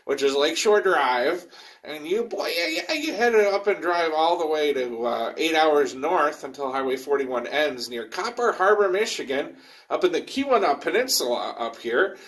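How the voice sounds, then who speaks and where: A man's voice: fairly high pitch, sing-song, moderate pace, a bit bright. A man hosting a casual live virtual program from underground in a mine, talking in a folksy, rambling way. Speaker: host and president of a rail education group.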